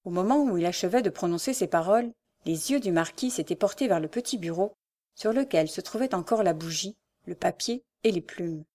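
A woman reading a classic novel aloud as narrator, in a measured, expressive way. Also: fairly low pitch.

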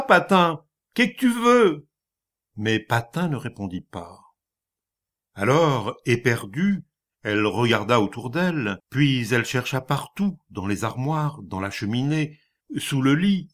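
A man narrates a classic short story at a slow, unhurried pace. His delivery is dramatic and measured, with a middle-pitched voice that rises with the tension. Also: a bit bright. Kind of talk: literary story reading.

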